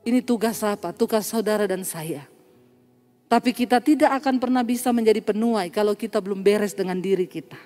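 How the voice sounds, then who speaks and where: A woman pastor giving an animated, emphatic sermon that keeps turning to address her listeners directly. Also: medium pitch, brisk. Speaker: preacher. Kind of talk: sermon with personal story. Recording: reverberant hall with faint music.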